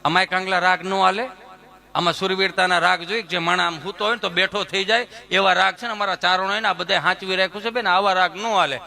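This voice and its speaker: A man's voice: high-pitched, fairly even intonation, fast, vocal fry, sharp tone. A man with a Kathiawadi Gujarati accent, a comedian telling a comic folk story with earthy, teasing asides to the audience.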